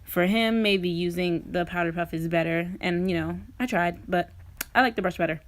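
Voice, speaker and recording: A woman's voice: fairly low pitch, moderate pace. A woman talking informally and directly to viewers in a casual, chatty makeup tutorial voice-over. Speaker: beauty vlogger.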